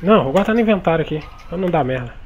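A man's voice: a little high, lively intonation, rapid-fire, dull audio, a little hiss or hum. A Brazilian man chatting casually and slangily while playing an online roleplay game, swearing now and then. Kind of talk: casual gamer chat.

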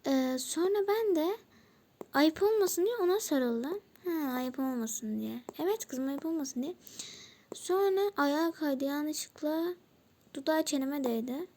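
Woman doing a middle-aged dad, flustered, defensive, high voice, storybook drama. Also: a little slow, dark tone. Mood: evasive. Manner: defensive, blustering excuses. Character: flustered middle-aged father caught lying.

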